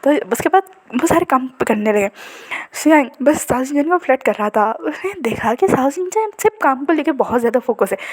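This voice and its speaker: A woman storyteller casually retelling a fan-fiction story, chatty and loose, with fillers and self-corrections. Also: sits high.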